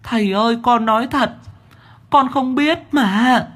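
A man voicing a frightened child demon spirit that begs for mercy in a high, thin, wailing voice, in an audiobook. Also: a little slow, a bit bright, heavily acted. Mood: pleading.

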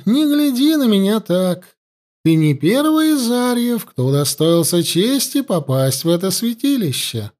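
Man doing a high priestess, female, cruel, mocking, high voice, lively swings. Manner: mocking, cold and commanding.

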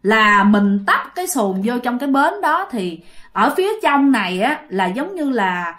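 A woman's voice: a little high, big pitch swings, unhurried, fairly bright tone. A woman with a Southern Vietnamese accent telling a ghost story casually, addressing listeners directly.

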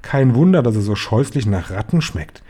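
A man's voice: medium pitch, expressive, normal speed, mellow, breathy edge. A man voicing a feisty old grandmother who scolds a hotel manager relentlessly, in a raised, indignant voice. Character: stern, feisty old grandmother, sharp-tongued.

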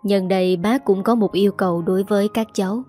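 A woman's voice: medium pitch, fairly even intonation, brisk, warm tone, soft background music, natural voice. A woman reading the lines of a firm, dignified older mother-in-law in an audio story.

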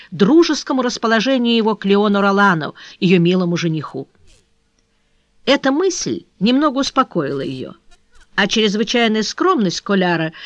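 An audiobook narrator reading a classic novel in an even, measured storytelling manner. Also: mid-range voice, no room sound, lo-fi sound. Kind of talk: scripted literary narration.

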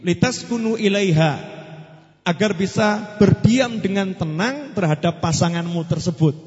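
A man's voice: sits high, a little mellow. A man with a Javanese accent preaching a humorous sermon, joking and asking the congregation questions. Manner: joking, asks the audience questions, mixes in Javanese phrases. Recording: dull lo-fi sound with long hall reverb.

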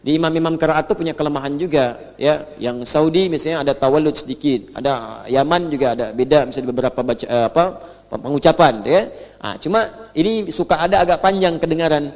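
A high-voiced man leads a Quran recitation lesson from a stage. He talks with animated energy, stretches the verses into a slow chant and calls on the class to repeat them. His voice rings with the long reverb of a large hall. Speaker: religious teacher.

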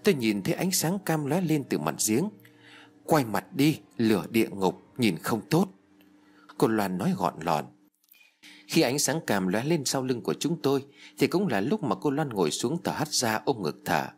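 A man's voice: mid-range voice, big pitch swings, moderate pace, breathy edge. A man reading a first-person novel aloud as an audiobook narrator, telling it expressively. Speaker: audiobook reader.

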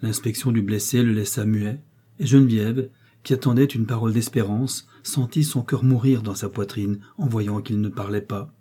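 A man narrating a novel as an audiobook, with a steady, expressive literary reading. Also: fairly low pitch, normal speed, slightly rough.

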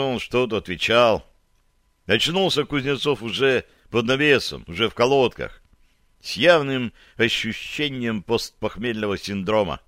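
A man narrates a novel in a steady, measured voice of middle pitch. His reading is even and unhurried. The recording is dry and close, with no room sound. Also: no echo. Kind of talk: audiobook narration.

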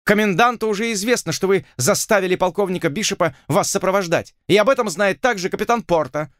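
Man doing a shrill, pompous English lord. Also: fast talker, fairly bright tone, no room sound, clean studio sound. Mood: indignant. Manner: indignant, pompous, high and strained. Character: haughty, shrill English lord, envoy of the king.

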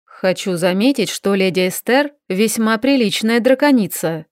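A woman's voice: mid-range voice, expressive, normal speed, dry recording, clean studio sound, close to an everyday voice. A woman voicing a haughty male warlock who talks in a cool, condescending, evasive way. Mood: defensive.

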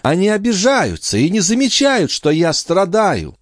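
A man reading an audiobook, voicing a haughty, hot-tempered royal favourite in a shrill, imperious voice. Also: huge pitch swings, no room sound, clean studio sound, heavily acted. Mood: sulking. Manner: shrill, imperious, quick to anger.

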